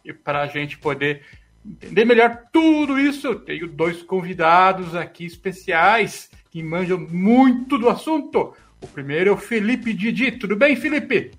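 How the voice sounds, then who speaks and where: A man's voice: sits high, animated, a little slow, fairly bright tone. A man with a Brazilian Portuguese accent hosting a casual betting podcast. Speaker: podcast host.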